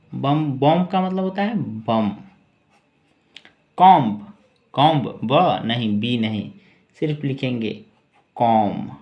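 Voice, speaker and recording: A man teaching English pronunciation in Hindi, saying each word slowly, repeating it and asking questions to his viewers. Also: medium pitch, echoey room, muffled recording. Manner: slow, repeats each word and its meaning, asks rhetorical questions.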